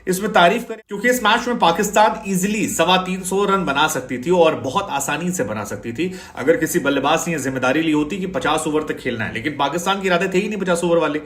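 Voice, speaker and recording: A man's voice: a little high, fast talker, few pauses, fairly bright tone, reverberant. A man giving a chatty, sarcastic cricket match analysis, dropping English phrases into his talk.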